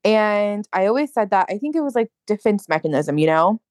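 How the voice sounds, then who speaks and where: A woman's voice: medium pitch, big pitch swings, fairly quick, darkish tone, no echo. A woman interview guest telling her personal story openly, with lots of "like" and "you know". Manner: open, conversational, many "like"s and "you know"s.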